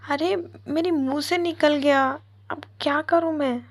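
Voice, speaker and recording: A woman's voice: high voice, steady tone, unhurried, pitched above the performer's own voice. A woman voicing a chatty, caring young woman friend, in a told love story. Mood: breezy. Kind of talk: storytelling role voice.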